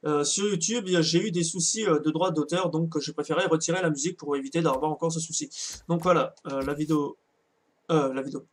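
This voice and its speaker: Guy chatting over a football game, kinda high voice, lots of uhs and restarts. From France. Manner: hesitant, many fillers and self-corrections. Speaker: gaming channel host. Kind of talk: casual let's-play commentary.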